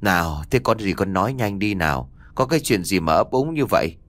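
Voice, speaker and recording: A quick-tempered elderly mother-in-law, put on by a male narrator in an audio storybook. She scolds and shouts, her voice lively and rising. The sound is close and dry. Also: low voice, no echo, pitched below the performer's own voice. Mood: curious.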